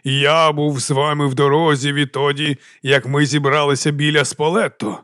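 A man voicing a dignified baron in his fifties who speaks with quiet authority and deep compassion. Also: little pitch movement, dry recording, clean studio sound, natural voice. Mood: calm. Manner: slow, quietly commanding, compassionate.

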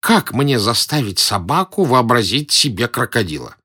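A man's voice: mid-range voice, big pitch swings, moderate pace, sharp tone, husky, full character voice. A man playing a timid, pedantic elderly male professor in an audiobook, whining and indignant. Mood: fussy, whiny. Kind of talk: audiobook character voice.

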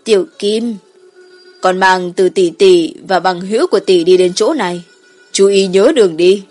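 A woman plays an elder dragon emperor in a fantasy audiobook. The delivery is commanding but kindly, with a slightly husky edge over clear background music. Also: mid-range voice, moderate pace, darkish tone, natural voice.

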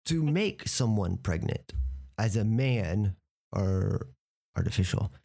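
An American man teaches English vocabulary from a TV clip, patiently splitting words into parts and spelling them out for a learner. He has a lowish, mellow voice with vocal fry, lively intonation, and an unhurried pace.

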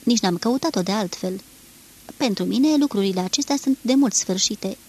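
A woman reading the part of a weary, resigned man who speaks in a flat, neutral way in an audiobook. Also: high-pitched, breathy edge. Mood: flat recounting. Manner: flat, neutral, matter-of-fact. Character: weary middle-aged man, detached and resigned.

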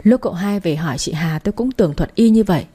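Audiobook narrator, woman; mellow and husky. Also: on the low side, fast. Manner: steady first-person storytelling.

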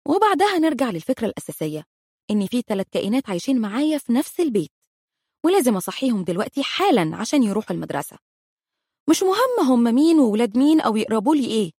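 Animated Egyptian woman telling comic stories. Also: on the high side, slightly rough, dry recording, studio quality. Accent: Egyptian Arabic. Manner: dramatic, exaggerated self-mockery. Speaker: mother of three. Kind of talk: comic storytelling.

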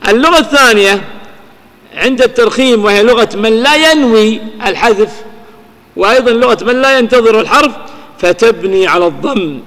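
A man's voice: sits high, expressive, fairly quick, a bit bright, long reverb tail. A man teaching a grammar lesson, explaining step by step and asking his students questions he answers himself. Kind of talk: classroom lecture on grammar.

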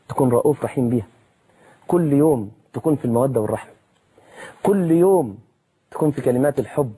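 Egyptian male preacher, quick husky delivery, mellow tone, dramatic pitch jumps. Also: rough recording. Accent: Egyptian Arabic. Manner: animated, dramatic, rises sharply in pitch for emphasis. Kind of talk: colloquial sermon.

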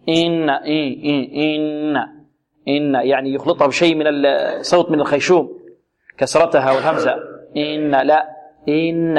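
A man in a tajweed lesson, his voice sitting a bit higher than most men's. He moves between chanted recitation and plain explanation. He patiently corrects errors, repeating single sounds and words slowly. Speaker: Quran recitation teacher.

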